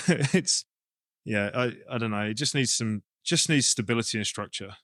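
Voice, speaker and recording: This interview guest, an English-accented rugby coach and club director, talks things through casually and informally as he thinks. His medium-pitched voice has a fairly bright tone and a moderate pace. The audio is studio quality with no room sound.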